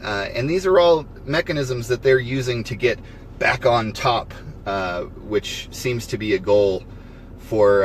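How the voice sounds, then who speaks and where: A man's voice: on the low side, slight background noise. A man hosting a casual live stream from his homestead, rambling and acting out both sides of conversations. He has the hiccups. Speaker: homesteading livestream host.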